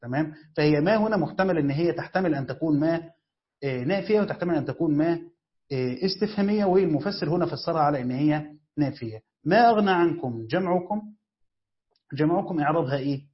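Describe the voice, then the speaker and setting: A man's voice: on the high side, lively intonation, quick pace. A man with an Egyptian accent teaching a classroom lesson on Quran exegesis, quizzing listeners and then answering his own questions. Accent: Egyptian Arabic. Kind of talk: classroom lesson, explaining grammar. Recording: dull lo-fi recording.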